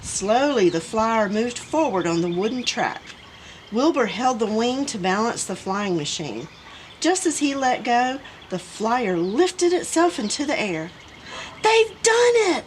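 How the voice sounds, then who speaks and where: Woman reading a picture book slowly. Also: on the high side, big pitch swings, a little hiss or hum, rough recording. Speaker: children's story reader.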